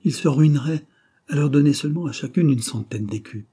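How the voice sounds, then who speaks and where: A man reading a bold young brigand's daughter who teases and speaks frankly. The voice stays dark and a little husky, only lifted somewhat higher than the narration, as in a storybook read aloud. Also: brisk.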